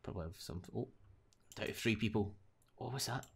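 A man's voice: lowish voice, brisk, creaky, breathy edge. A young man giving casual live commentary while he plays, muttering to himself and swearing freely. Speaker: gamer.

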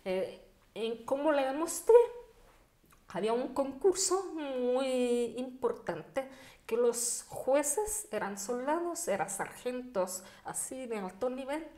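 A young woman, a podcast guest telling a personal story in a lively, casual way, full of fillers and quoted asides. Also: sits high, slow pace. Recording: echoey room.

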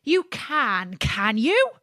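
Two gruff workmen scoff their challenge in raised voices, as a woman reading a folk tale puts them on. They sound mocking and loud, with a close, dry sound. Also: fairly high pitch, huge pitch swings, very slow, no room sound, voice pushed up, exaggerated voice. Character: pair of gruff male ditch diggers.

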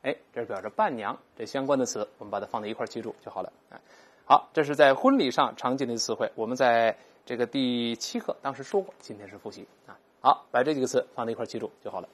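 With a medium-pitched voice and a breathy edge, an English teacher records a vocabulary lesson. The explanations are patient, and each English word is slowly spoken aloud for learners to hear.

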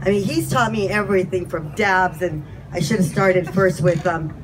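Speaking at normal speed in a fairly low voice over background noise, a Californian woman in her fifties addresses a crowd standing on an outdoor patio through a handheld mic. The community speaker's informal talk is candid, passionate and self-deprecating.

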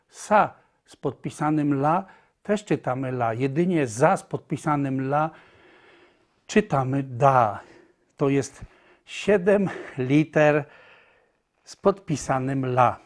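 Man, language teacher, slow and patient, slightly high voice, repeats points. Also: expressive. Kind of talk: slow explanatory lesson.

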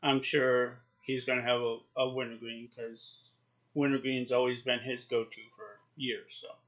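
A man's voice: mid-range voice, little pitch movement, a little slow. A man in his forties giving a casual, chatty review to camera, talking with a lip full of dip. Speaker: YouTube product reviewer. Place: small home office, indoors. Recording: dull, lo-fi webcam sound.

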